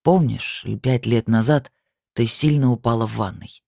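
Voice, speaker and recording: A narrator voicing a calm, stern male medium who speaks slowly and gravely. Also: medium pitch, dry recording, clean studio sound, voice pushed down, close to an everyday voice.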